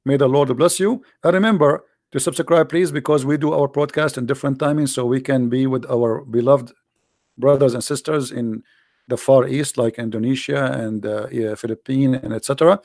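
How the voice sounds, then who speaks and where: Preaching directly to viewers, a male daily broadcast host gives a blunt, emphatic livestream monologue at a moderate pace. His mid-range, gravelly voice holds a steady tone and is a little mellow. He is a first-language Arabic speaker; the recording is close and dry, with no echo.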